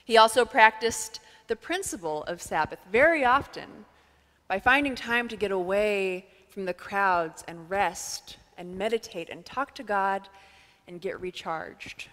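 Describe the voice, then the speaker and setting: A woman in her thirties, a pastor, giving a calm, measured sermon with thoughtful pauses through a headset mic in a church sanctuary. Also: mid-range voice. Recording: long reverb of a church sanctuary.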